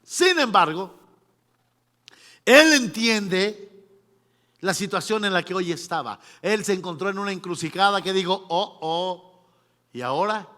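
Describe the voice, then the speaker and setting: A man preaching a sermon, animated, acting out quotes and laughing often. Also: high voice, measured pace, long pauses. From Mexico. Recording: long reverberant hall.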